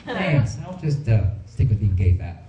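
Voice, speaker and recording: A man's voice: on the low side, sing-song, measured pace, distant mic, highs cut off, a crowd in the background. A man doing self-mocking stand-up comedy at a club, with plenty of ums and uhs. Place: comedy club with live audience. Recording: roomy stage sound from afar.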